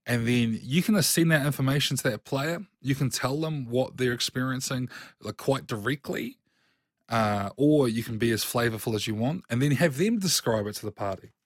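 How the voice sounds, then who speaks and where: A man chatting casually as a game master co-host, animated and emphatic, swearing freely. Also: mid-range voice, normal speed, no echo, studio quality. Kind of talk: casual chat.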